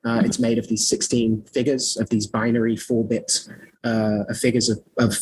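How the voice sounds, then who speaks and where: This poor-audio clip features a man of medium pitch whose slightly rough, darkish voice stays level at a normal speed. Interviewed on a podcast as an author and scholar of magic, he talks in a wandering, casual way, restarting often, leaning on fillers and poking fun at himself.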